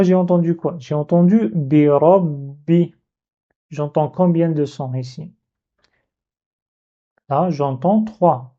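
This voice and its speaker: Patient lesson teacher, unhurried and methodical, repeats each step, warm low-toned voice, muffled recording. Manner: patient, repeats questions and sounds slowly. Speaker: Arabic reading teacher.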